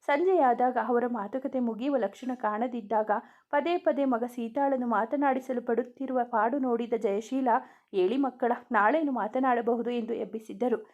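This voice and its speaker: Mellow woman reading a romance story. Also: on the high side. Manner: even, steady reading. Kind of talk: storybook narration. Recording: dull lo-fi recording.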